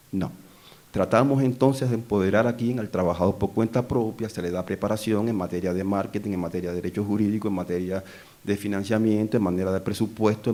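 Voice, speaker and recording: A man with a Cuban Caribbean Spanish accent gives a public speech on policy, speaking in an emphatic, deliberate manner. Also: on the low side, warm tone. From Cuba. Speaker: conference speaker, economic researcher.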